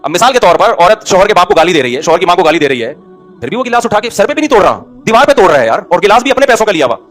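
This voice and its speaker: A man's voice: high-pitched, very animated, racing, fairly bright tone, faint music behind. A middle-aged male Islamic preacher giving a conversational sermon, telling everyday anecdotes with wry jokes and rhetorical questions to his listeners. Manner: wry, joking asides.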